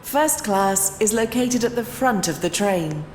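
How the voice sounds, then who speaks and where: A woman's voice: medium pitch, lively intonation, a little slow. A woman giving scripted train station announcements in a formal manner, phrase by phrase like pre-recorded segments. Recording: echoey station PA, long reverb, ambient noise.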